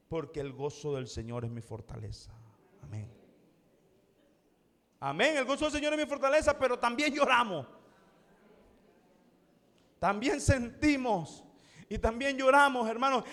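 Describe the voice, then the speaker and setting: High-voiced man preaching in a reverberant hall. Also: a bit bright. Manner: impassioned, slows down for scripture quotes. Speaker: pastor. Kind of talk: sermon. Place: church sanctuary.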